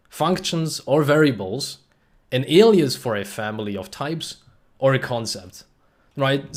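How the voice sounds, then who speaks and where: A man from Germany hosting a live-streamed technical presentation, explaining in a casual way with frequent "uh" fillers and remarks to the chat. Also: mid-range voice. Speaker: host and presenter.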